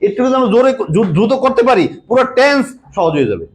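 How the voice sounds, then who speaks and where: A man teaching English grammar, repeating key words and quizzing the class with quick questions. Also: very high voice, very animated. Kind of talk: classroom lecture.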